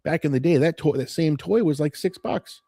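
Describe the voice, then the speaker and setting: On a morning live stream, a man in his late forties rambles chattily to his viewers, looking back on how things used to be and straying off topic. His voice is on the high side, creaky and mellow, at a moderate pace, with no echo.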